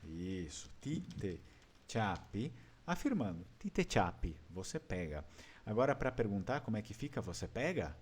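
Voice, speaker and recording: Low-voiced Brazilian teacher, patient. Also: male voice, big pitch swings, moderate pace, darkish tone, slightly rough. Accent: Brazilian Portuguese. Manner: patient, explains step by step and quizzes students. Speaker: language teacher. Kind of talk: online class.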